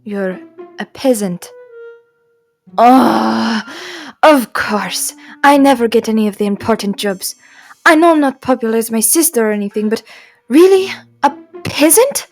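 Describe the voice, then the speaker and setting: Over faint background music, a woman with a fairly high, expressive voice speaks at a measured pace, playing a male god of wishes in a fantasy audio roleplay. She makes him sassy, spiteful and insecure, delivering the part theatrically with an indignant, whiny edge.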